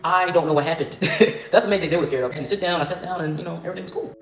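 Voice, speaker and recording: Rapid-fire man telling a story. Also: fairly high pitch, a crowd in the background. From Baltimore, USA. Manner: rapid, profane, laughing retelling. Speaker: storytime vlogger. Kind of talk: casual storytelling to camera. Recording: echoey room with music behind.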